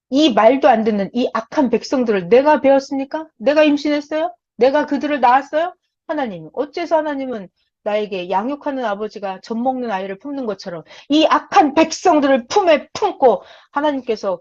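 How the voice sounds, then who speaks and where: A woman's voice: a little high, a little mellow. A woman voicing an anguished old prophet who pleads with God in exasperation, on a dull lo-fi recording. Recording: dull lo-fi sound.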